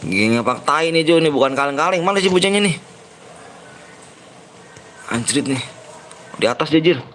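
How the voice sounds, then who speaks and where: A young man streams a mobile shooter game live. He talks in a slightly high voice and hurls rowdy slang and taunts at his opponents. A faint hum runs underneath. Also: animated, moderate pace, poor audio. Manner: rowdy trash-talking slang, shouting at opponents.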